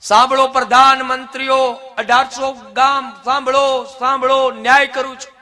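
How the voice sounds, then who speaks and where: A man's voice: very high-pitched, level tone, a little slow, pushed and bright, pitched above the performer's own voice, exaggerated voice. A man voicing a just, compassionate king who questions earnestly and proclaims his judgment to the court. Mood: earnest, proclaiming.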